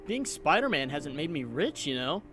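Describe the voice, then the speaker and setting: A man's voice: fairly high pitch, sing-song, moderate pace, fairly bright tone, a little hiss or hum. A man voicing an earnest, self-doubting and wry young superhero in a comic book dub, with theatrical delivery. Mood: defensive.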